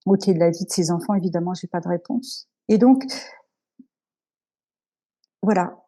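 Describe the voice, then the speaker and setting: A woman giving an earnest, emotional personal testimony as an interview guest, halting with many pauses and restarts. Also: lowish voice, warm tone.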